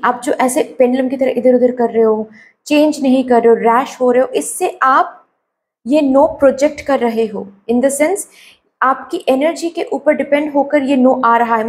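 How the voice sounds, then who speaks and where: High-voiced woman with a sore throat. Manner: advising, mixes English phrases, keeps asking "okay?". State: sore throat, slightly hoarse. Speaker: tarot card reader. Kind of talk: tarot reading addressed to viewers.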